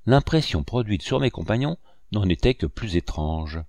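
A man reading a classic novel aloud as an audiobook narrator, in a steady, measured way. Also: on the low side, no echo. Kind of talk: scripted narration.

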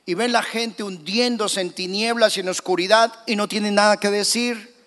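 A pastor with a high voice preaches with dramatic emphasis. His words ring out in a church hall that has a long reverb. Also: fairly even intonation, moderate pace, fairly bright tone. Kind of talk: sermon.

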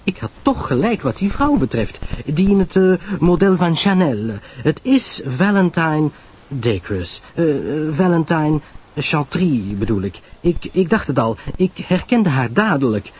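A man's voice: very animated, a little slow, darkish tone, husky, heavily acted. A man doing a gushing, nosy young society lady. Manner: breathless gushing, high and lilting.

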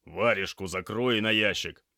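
A man playing a brisk male paramedic who barks short, clipped orders over the noise of an emergency, his voice deep and low. The recording is close and dry. Every command comes out loud and urgent. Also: dry recording. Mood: barking orders.

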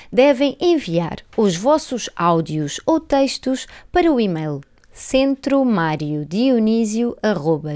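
Woman radio host, unhurried and melodic delivery for a poetry segment. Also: medium pitch. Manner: slow, deliberate reading with expressive rises and falls. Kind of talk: radio program announcements and poetry reading.

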